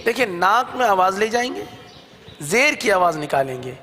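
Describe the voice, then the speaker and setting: A man teaching Quran reading, spelling out syllables in slow drawn-out chants between quick explanations, with an Urdu accent. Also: sits high, big pitch swings, in a large hall. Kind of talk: slow spelled-out recitation lesson.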